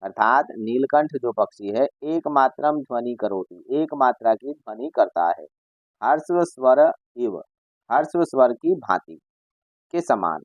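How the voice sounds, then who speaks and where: A man teaching a Sanskrit school lesson at a slow, unhurried pace, talking straight to the children. He reads each Sanskrit line aloud, then explains it in Hindi. The sound is dry and a little dull, close to the mic. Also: medium pitch, animated, dry recording. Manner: addresses children directly and imitates bird calls.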